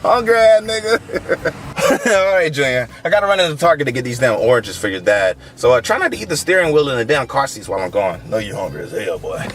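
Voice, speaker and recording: A man voicing a loud, brash, foul-mouthed adult man who shouts and cackles crude teasing in a puppet comedy sketch. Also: medium pitch, sing-song, a little fast, slight background noise.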